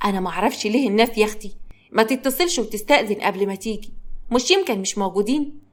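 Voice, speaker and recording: A woman's voice: medium pitch, fast, close to an everyday voice. A woman with an Egyptian accent voicing a scheming, spiteful middle-aged mother who scolds sharply. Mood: scolding. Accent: Egyptian Arabic.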